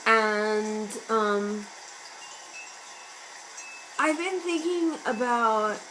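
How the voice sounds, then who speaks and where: A woman vlogger, hoarse and losing her voice, musing in a chatty, meandering, self-mocking way. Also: on the high side, fairly even intonation, extremely slow, background noise. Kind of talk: casual musing vlog. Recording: loud rain and thunder sounds from an app behind the voice. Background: rain and thunder ambience sounds.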